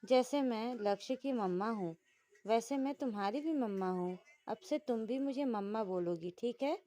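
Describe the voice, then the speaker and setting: Storybook figure, fussing loving middle-aged mom read by a woman, slightly high voice. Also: normal speed, mellow, lightly acted. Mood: motherly. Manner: caring, motherly, fussing. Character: affectionate middle-aged mother, warm and fussing.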